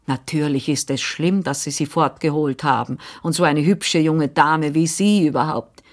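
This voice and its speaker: A woman's voice: low voice, moderate pace, lightly acted. A woman reading an audiobook and voicing a fussy, kindly old seamstress who chatters, scolds and soothes. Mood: coaxing.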